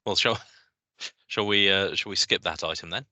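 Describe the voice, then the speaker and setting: A man chairing an online meeting, moving through the agenda with hesitant pauses and fillers. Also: deep voice, pushed and bright, dry recording. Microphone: video call.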